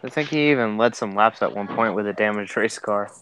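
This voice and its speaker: A man co-hosting an online racing show, making relaxed, low-key remarks over a voice call. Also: fairly quick, background noise. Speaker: co-host. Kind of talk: casual call chat.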